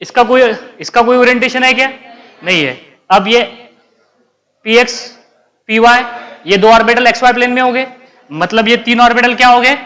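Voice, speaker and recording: Lecturing on chemistry, this male teacher has a very high, bright voice with a forceful tone. He fires questions at the class, supplies the answers himself, and calls out students who aren't paying attention.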